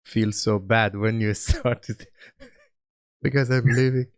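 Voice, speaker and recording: A man's voice: medium pitch, steady tone, takes it slowly. A man hosting a podcast, chatting casually, often restarting his sentences and laughing along with his guest. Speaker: podcast host. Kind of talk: casual interview chat.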